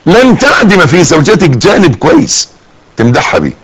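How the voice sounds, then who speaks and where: A middle-aged Egyptian preacher delivers a sermon in a fairly high, very animated voice. He jumps up and drops low as he acts out everyday scenes. His talk sounds lively and conversational. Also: a little fast, breathy edge, poor audio. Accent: Egyptian Arabic. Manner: lively, acts out little scenes with rising and falling voice.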